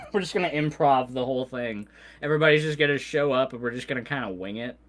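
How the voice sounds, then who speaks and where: A man's voice: mid-range voice, fast talker, fairly bright tone, a little hiss or hum. A man on a casual livestream, playful and often laughing. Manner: giggly, playful. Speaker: co-host.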